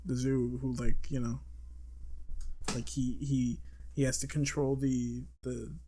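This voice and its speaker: A man narrates as game master of a loose comedy role-play and rambles through his scenes. He keeps restarting his sentences. His voice is fairly flat in pitch. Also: slow, slight background noise. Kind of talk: casual improvised game narration.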